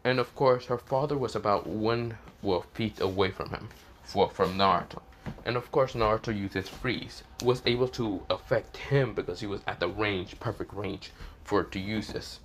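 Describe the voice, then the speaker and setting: A sick, coughing man with a lowish voice tells a fan fiction story, rambling and halting as he often restarts with "this is where, well." Slight background noise can be heard.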